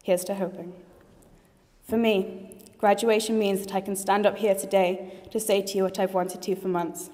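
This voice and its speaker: Speaking at her graduation in a big assembly hall, this earnest late-teen girl keeps her tone warm and sincere while slipping in light jokes. Her voice sits at a medium pitch with little rise or fall, a moderate pace, and a slightly mellow quality, all carried on the long echo of the large room.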